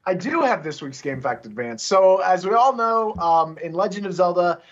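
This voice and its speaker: A man with a slightly high voice explains game trivia on a podcast. He pauses often and fills gaps with "um" and "uh". The sound is a bit dull and lo-fi. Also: expressive. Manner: explanatory, hesitant with fillers. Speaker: podcast co-host. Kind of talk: casual chat.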